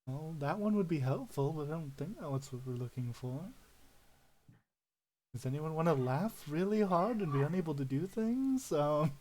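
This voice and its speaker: A man with a fairly high voice plays a tabletop role-playing game. He talks in a halting, hesitant way, speaks in character and narrates his character's actions. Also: animated, a little mellow, poor audio. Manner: hesitant, halting delivery with fillers.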